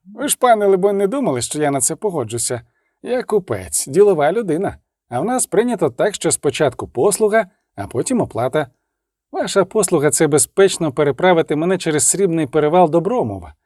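A man's voice: a little high, big pitch swings, brisk, a little mellow, dry recording, studio quality. A man voicing a haughty, sniffing merchant who bargains in a raised, self-assured tone.

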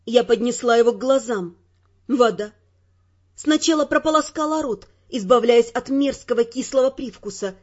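A woman narrating a first-person audiobook with expressive, dramatic delivery. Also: a little high, moderate pace, highs cut off.

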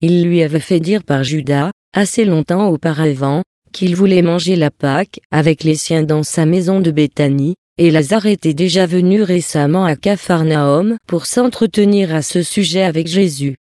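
Audiobook reader, steady even narration, mellow dark tone, dry close sound. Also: medium pitch, moderate pace, hardly any pauses, dry recording. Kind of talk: scripted narration of a religious text.

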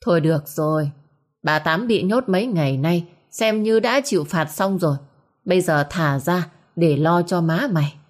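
A woman's voice: fairly low pitch, moderate pace, natural voice. A woman voicing a stern, commanding older village patriarch who speaks curtly.

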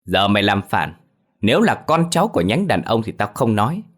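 A man's voice: lowish voice, sing-song, a little fast. A man voicing an arrogant, mocking elderly clan head who domineers over his relatives in an audio ghost story. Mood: scornful.

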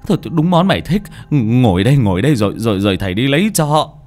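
A man's voice: mid-range voice, big pitch swings, measured pace, faint music behind. A man voicing an anxious, scolding old peasant father who stammers and repeats himself. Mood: fussing. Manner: flustered, stammering repetitions.

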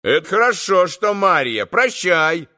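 A man's voice: sits high, big pitch swings, unhurried, bright, forceful tone, voice pushed up, heavily acted. A man reading an audiobook, voicing a cocky, mischievous schoolboy who speaks curtly and with self-importance. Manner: curt, superior.

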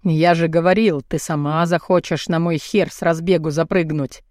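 A woman reading an audiobook and voicing a brash, crude, burly man with a husky, gruff voice and a teasing, swaggering manner. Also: low voice, fairly even intonation, normal speed, darkish tone, dry recording, studio quality, natural voice.

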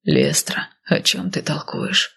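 A woman's voice: low voice, takes it slowly, creaky, slightly rough, pitched below the performer's own voice, heavily acted. Woman doing a cold, lazy undead northern man. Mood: brooding. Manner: flat, emotionless, grumbling. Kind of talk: audiobook character voice.

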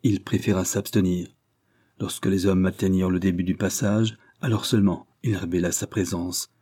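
A man reading a novel aloud as an audiobook narrator, with steady, measured narration. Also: deep voice. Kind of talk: scripted narration.

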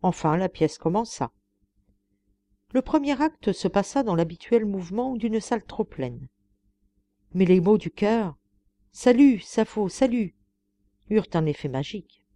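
A woman reading a novel aloud as an audiobook narrator, in a steady, measured storytelling manner. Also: medium pitch. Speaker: audiobook reader.

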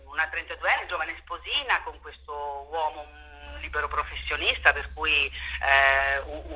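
In a low-quality recording, a woman from Marche, Italy, a theatre director appearing as an interview guest, speaks in a low, sharp-toned voice. Her delivery is spontaneous and emphatic, with repeated words and phrases tagged with "no?".

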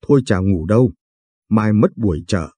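A man puts on a gruff, impatient old village midwife. She scolds in a low, unhurried way with a dark, breathy tone, close and dry. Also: expressive, no room sound. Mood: matter-of-fact. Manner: scolding, matter-of-fact.

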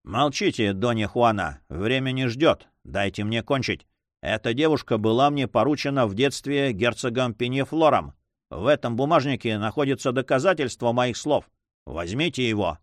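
A man's voice: mid-range voice, lively intonation, normal speed, no echo, studio quality, close to an everyday voice. A man voicing a dying old male governor who speaks in a grim, labored way. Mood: urgent.

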